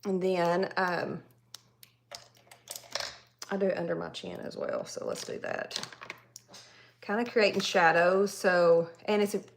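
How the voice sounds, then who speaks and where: A woman's voice: fairly low pitch, flat delivery, measured pace, vocal fry, pauses often, slight background noise. A woman in her forties from Tennessee with a Southern accent, chatting casually with viewers while she does her makeup on a livestream. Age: 40s. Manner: chatty, rambling, addresses viewers directly. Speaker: makeup artist livestream host.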